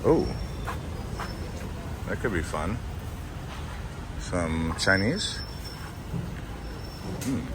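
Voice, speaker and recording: A man's voice: deep voice, big pitch swings, extremely slow, pauses often. A man vlogging casually as he walks and talks, thinking aloud outdoors on busy streets and at markets. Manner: walking and talking, thinking aloud. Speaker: travel vlogger. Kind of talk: walking and talking vlog, casual. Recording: noisy outdoor street with traffic. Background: loud traffic and street ambience.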